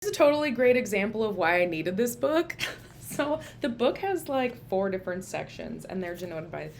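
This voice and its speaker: A gravelly mid-range voice with big pitch swings and a moderate pace belongs to a licensed social worker and therapist from Minnesota, USA, who has a Minnesota accent. Chatty and informal, she reviews a book casually on video from her home telehealth room, with a little hiss or hum in the background.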